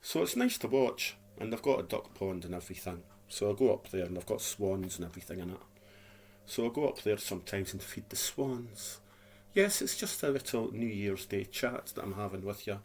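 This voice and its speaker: A man's voice: on the low side, expressive, a little fast, darkish tone, a little hiss or hum. A man in his fifties with a Dundee Scottish accent and a speech impediment that turns r into w, chatting casually and plainly in a rambling, repetitive way as a vlogger. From Scotland. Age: 50s.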